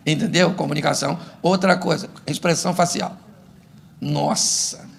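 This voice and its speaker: A middle-aged Brazilian man, a pastor, preaching a humorous sermon and acting out couples' arguments in an animated way. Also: high voice, a little fast, vocal fry. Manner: animated, acts out couples' quarrels for laughs.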